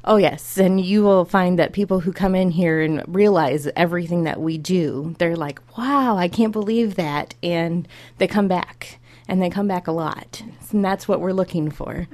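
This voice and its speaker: A woman's voice: on the low side, normal speed, darkish tone. A young adult woman from Iowa, a public librarian, talking upbeat and in detail as an interview guest. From Iowa, USA.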